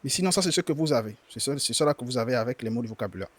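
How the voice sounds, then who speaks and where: In a live language class, a man drills verb conjugations and patiently repeats words aloud, moving between explanations and careful pronunciation as he covers dialogue and vocabulary. His medium-pitched voice is expressive, rapid-fire and fairly bright, with no echo.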